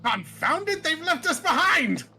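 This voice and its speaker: A woman playing a pompous gentleman inspector. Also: medium pitch, big pitch swings, moderate pace, faint music behind, voice pushed up. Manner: grandiose, theatrical exclamations.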